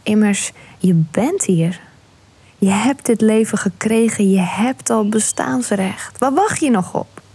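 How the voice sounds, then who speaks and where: A woman leads a guided meditation in a slow, unhurried way. Her voice is mellow and breathy, and she often drops into a hushed whisper. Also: mid-range voice, no echo.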